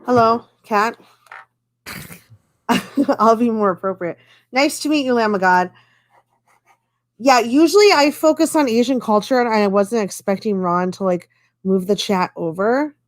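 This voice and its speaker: A woman's voice: on the high side, a little slow, long pauses, no room sound. A woman hosting a casual live-stream chat, rambling along with lots of fillers. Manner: chatty and rambling, with many fillers. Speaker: stream host.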